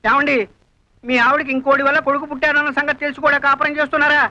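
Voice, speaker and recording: A man's voice: very high voice, level tone, very fast, bright, forceful tone, dull audio, full character voice. An actor playing a fussy, easily confused male census officer in a comedy film. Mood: exasperated. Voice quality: exasperated, fussy. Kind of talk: comic film acting.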